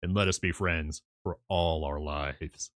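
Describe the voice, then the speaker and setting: A man playing a deep, courtly old professor. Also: steady tone, measured pace, fairly bright tone, no echo, clean studio sound. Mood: earnest. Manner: solemn, courtly, quaintly broken phrasing. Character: kindly, earnest, strong-faced old male professor.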